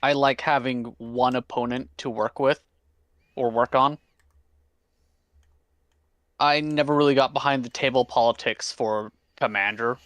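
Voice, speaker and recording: A man chatting casually with a friend on a stream, rambling and animated, swearing now and then. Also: mid-range voice, a little slow, long pauses, no room sound. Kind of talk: casual chat.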